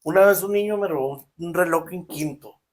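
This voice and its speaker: Mexican man, podcast co-host, emphatic and slangy storyteller, fairly high voice. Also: brisk. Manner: emphatic storytelling, slangy, drops pitch for asides. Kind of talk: casual podcast conversation.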